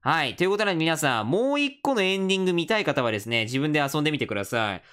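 A woman's voice: sits low, big pitch swings, very fast, a bit bright, clear, resonant tone. A woman commentating a game, reading its text aloud and rallying the other players in a playful tone. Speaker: gaming channel host.

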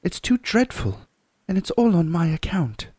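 A man voicing an earnest, anxious young girl in a storybook reading, with a breathy voice. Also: sits high, big pitch swings, normal speed, a little mellow, dry recording, pitched above the performer's own voice, exaggerated voice. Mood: pleading.

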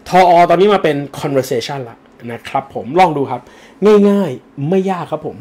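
A man's voice: a little high, normal speed, a little mellow. A man teaching English for an entrance exam on a livestream, chatting and joking casually as he answers viewer comments. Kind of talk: live-streamed lesson answering viewer comments.

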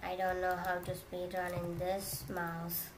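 A woman's voice: on the low side, a little slow. A woman chatting casually while playing a computer game, playful and making silly sound effects. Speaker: gamer making videos. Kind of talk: casual gaming chat. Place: at a computer, indoors. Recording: steady noise with keyboard clicks.

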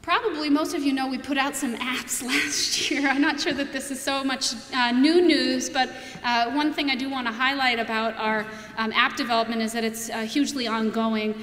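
Presenting product features at a podium in a large auditorium, a young adult woman speaks casually, often using fillers and restarting. Her high, slightly bright voice keeps fairly even intonation at normal speed with few pauses; captured by a podium mic from a far camera, it echoes with long reverb and carries a little hiss or hum.

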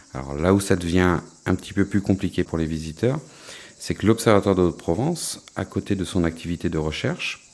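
A man's voice: deep voice, a little mellow. A middle-aged man, a science educator, explaining things in an interview. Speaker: astronomy centre director and science educator.

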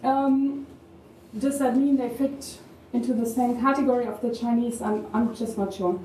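A woman with a German accent giving measured, thoughtful academic remarks as a panel discussant, with a touch of wry humor. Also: a little high, steady tone, mellow, slight background noise. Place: university event hall. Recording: echoey room, distant mic, faint ambience.

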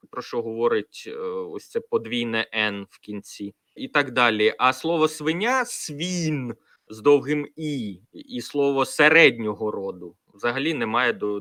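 Bright-voiced man explaining word origins. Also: medium pitch, dry recording, studio quality. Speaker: streamer answering viewer questions. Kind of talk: casual stream Q&A.

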